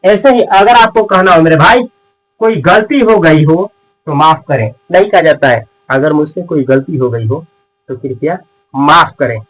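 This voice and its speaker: A man teaching spoken English in Hindi who repeats each English sentence slowly and word by word, then translates it, and calls the viewer friend and brother. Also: on the high side, fairly bright tone, poor audio. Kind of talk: Hindi-medium English lesson.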